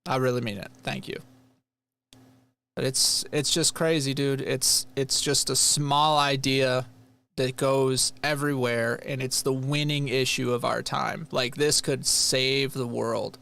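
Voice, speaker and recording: Reacting to a replay on his livestream, a man from Rochester, New York, chats casually. He has a medium-pitched, gravelly voice and speaks a little slowly, earnest and animated while wandering in his talk.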